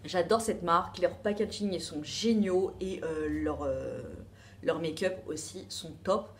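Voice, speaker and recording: A woman's voice: lowish voice, a little slow, slight background noise. A woman with a French accent reviewing a beauty box in a casual, rambling chat full of asides and fillers.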